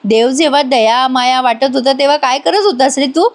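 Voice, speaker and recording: A woman voicing a stubborn, sharp-tongued young wife who argues back in a recap of a TV serial. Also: high voice, normal speed. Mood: retorting. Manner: teasing, argumentative.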